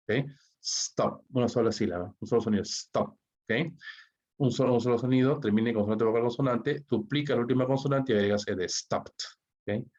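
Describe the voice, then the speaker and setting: A man from Peru with a Peruvian Spanish accent teaches English grammar in an online class, his mid-range voice a little mellow. He explains the rules step by step, checking in with "¿ok?" or "¿no?" after nearly every line. The recording is dull and lo-fi.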